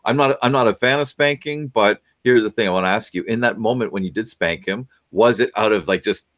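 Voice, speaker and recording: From a home office, a middle-aged man gives parenting advice as a guest over video call, lecturing, asking numerous questions and dropping in fillers often. His voice is lowish and a bit bright, and he talks fairly quickly.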